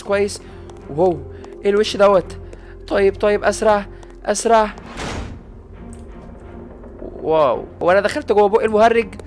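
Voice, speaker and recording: A man with an Egyptian accent giving excitable let's-play commentary, jumpy and talking straight to his viewers. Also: sits high. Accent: Egyptian Arabic. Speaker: gaming YouTuber. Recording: game music in the background.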